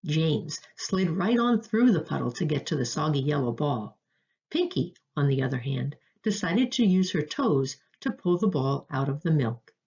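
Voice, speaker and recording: A woman reads a children's storybook aloud with expressive storytelling. Her voice sits low, yet the pitch swings widely. The recording has a dull, lo-fi sound. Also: moderate pace. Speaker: narrator.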